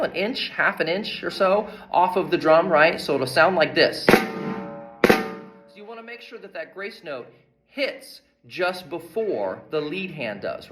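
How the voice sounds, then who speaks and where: A man's voice: on the high side, fairly bright tone. A man teaching percussion rudiments, explaining each exercise, counting beats aloud and often adding "right?". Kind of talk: instructional demonstration. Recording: drums playing between spoken lines. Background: drum playing.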